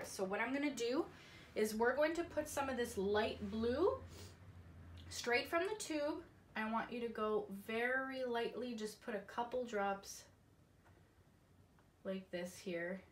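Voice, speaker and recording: A woman's voice: a little high, animated, a little slow, fairly bright tone, slight background noise. Canadian woman teaching a painting class. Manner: friendly, instructive, talks through each brushstroke. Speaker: painting instructor. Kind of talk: step-by-step painting tutorial. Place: indoor craft studio with paint shelves.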